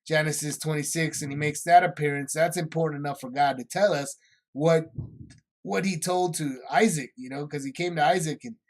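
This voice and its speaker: Male Bible study teacher, a bit high-voiced, casual and rambling. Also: moderate pace. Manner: loose, rambling retelling with many asides.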